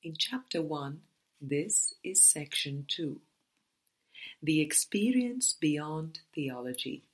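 An audiobook reader, a woman, narrates a spiritual book from a script. She reads deliberately, pausing between phrases, and her low-sitting voice is expressive.

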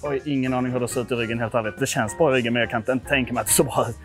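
Bright-ish and medium-pitched with fairly even intonation, this voice belongs to a Swedish vlogger in his twenties checking his lifts at an indoor gym. He talks informally to his audience, cursing and making self-deprecating jokes over background music.

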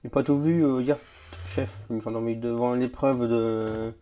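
Relaxed chatty man on a lo-fi stream. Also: mid-range voice, moderate pace. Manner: relaxed, chatty, talks to other players and chat. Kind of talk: casual live-stream chat while playing.

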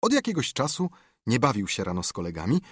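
Expressive husky male storyteller. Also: medium pitch, fast talker, no room sound, studio quality. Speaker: audiobook reader. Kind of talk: scripted narration.

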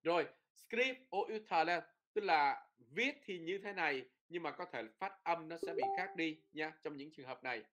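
A man's voice: a little high, moderate pace, hardly any pauses, fairly bright tone. A man teaching a pronunciation lesson, explaining rules and repeating drill words with frequent tag words. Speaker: Norwegian language teacher.

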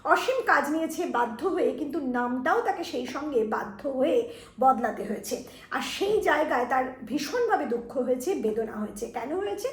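Woman teacher, high voice, echoey room, revision lesson that speaks to students directly. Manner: explanatory, addressing students directly.

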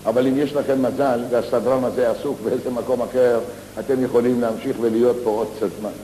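A man telling comic stories on stage, in a lively theatrical monologue full of slangy asides. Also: medium pitch, a little hiss or hum. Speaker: stage comedian. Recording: echoey live theater hall recording.

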